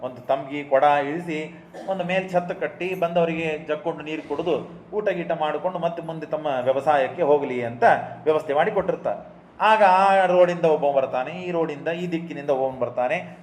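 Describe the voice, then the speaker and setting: A man's voice: a little high, reverberant, a little hiss or hum. A man giving a religious discourse. He tells stories and asks and answers his own rhetorical questions. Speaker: preacher giving a scripture discourse.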